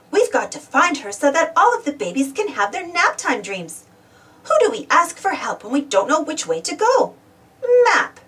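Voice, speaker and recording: A storybook reader narrates for small children in a high, fairly bright voice, her intonation rising and falling broadly. Exclamations and questions are directed at the young listener, and she seems somewhat removed from the mic.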